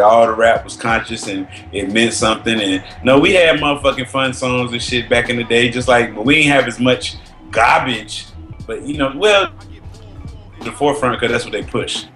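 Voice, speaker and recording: A man's voice: mid-range voice, fairly bright tone, roomy sound. A man co-hosting a casual podcast chat, hesitant and rambling, cursing freely. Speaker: podcast co-host.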